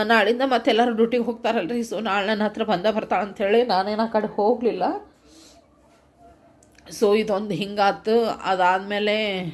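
A middle-aged woman with a North Karnataka Kannada accent, vlogging and telling her viewers what happened in an earnest, heartfelt way. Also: mid-range voice. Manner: earnest, heartfelt retelling, addresses viewers directly. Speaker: vlogger and home food seller. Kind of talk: casual vlog narration to viewers.

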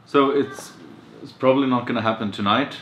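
A man's voice: mid-range voice, steady tone, fairly quick, a bit bright. A young man, a freelance reporter, chatting casually and easily to camera in a travel vlog. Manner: easygoing, chatty on the phone with short okays. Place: outdoors on a village street and in a hotel room. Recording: echoey with background noise.

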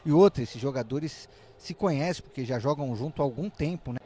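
A man's voice: mid-range voice, expressive, a little fast, mellow, slightly rough. A Brazilian man analysing a futsal match conversationally, often adding short tag questions. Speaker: sports analyst. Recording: faint arena noise behind.

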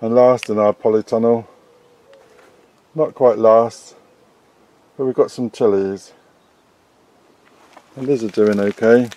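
A middle-aged allotment gardening vlogger from England, with a British accent, strolls through the polytunnel on his allotment, chatting casually about what's growing there. His mid-range voice is mellow and fairly dark, and he talks slowly in a relaxed, unhurried way. The handheld camera he films with as he walks picks up his voice.

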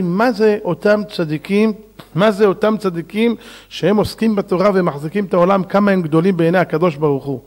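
A man, a rabbi, giving a lively storytelling sermon who acts out the characters' lines with big swings in pitch and volume. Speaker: rabbi giving a Torah lesson.

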